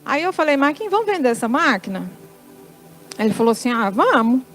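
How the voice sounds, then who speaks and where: A woman's voice: high-pitched, very animated, fairly quick, fairly bright tone, soft background music, poor audio. A middle-aged woman with a Brazilian Portuguese accent giving a church testimony, telling a story and acting out the dialogue in quoted lines.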